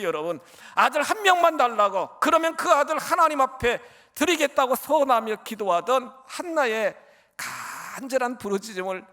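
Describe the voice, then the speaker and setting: Male preacher, high and very animated, fervent delivery that jumps from shouting to whispering. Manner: impassioned, swinging from shouts to whispers; keeps addressing the congregation. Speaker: pastor. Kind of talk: sermon.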